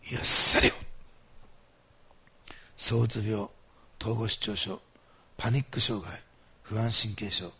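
A man's voice: fairly low pitch, fairly even intonation, measured pace, pauses often, fairly bright tone, husky. A man preaching as a pastor and leading a fervent healing prayer, with commanding declarations and earnest appeals to his listeners. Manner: earnest, coaxing address to listeners.

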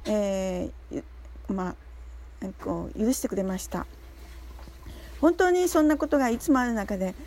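A woman from Nagasaki telling a personal story in a prepared talk, earnest and halting, often pausing with fillers as she searches for words. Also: on the high side, dark tone. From Nagasaki, Japan. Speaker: speaker sharing a personal story.

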